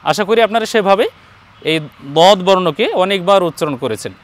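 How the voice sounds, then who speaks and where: High-voiced man teaching letter sounds. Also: animated. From Bangladesh. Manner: patient, addresses viewers directly, drawn-out letter sounds for repetition. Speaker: Quran teacher. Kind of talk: step-by-step pronunciation lesson.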